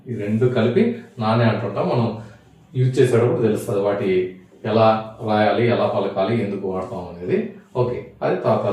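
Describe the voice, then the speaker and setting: A man's voice: on the low side, a little mellow. Man teaching letters in an echoey room. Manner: repetitive, patient, sounds each letter out while writing. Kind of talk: writing-board lesson on Tamil letters. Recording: echoey room, voice from far off the mic.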